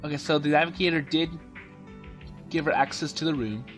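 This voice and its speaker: Game commentator, male, slightly higher voice, halting delivery full of fillers, faint game music behind. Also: a bit bright. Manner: hesitant, many fillers and restarts, paraphrasing dialogue. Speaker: let's play commentator. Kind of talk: casual game commentary, translating and summarizing the story.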